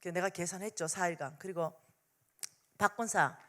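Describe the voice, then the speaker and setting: A woman's voice: fairly high pitch, a little fast. A woman with a Gyeongsang Korean accent, telling a story in a revival sermon and acting out the dialogue. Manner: animated, acts out dialogue in story. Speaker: revival meeting speaker.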